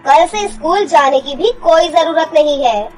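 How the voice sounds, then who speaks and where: A woman's voice: sits high, expressive, a little slow, darkish tone, poor audio. A woman playing a harsh, cruel stepmother in a cartoon story, scolding with contempt.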